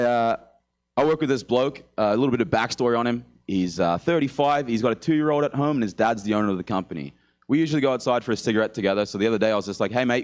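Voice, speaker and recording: A young man with an Australian accent, telling loose, profane stories as a guest comedian. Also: fairly low pitch. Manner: laid-back, swearing, laughing mid-story. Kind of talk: casual stand-up chat.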